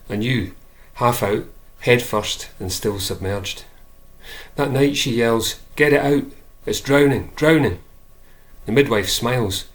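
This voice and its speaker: Low-voiced man reading his poems. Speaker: poet. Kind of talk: poetry reading.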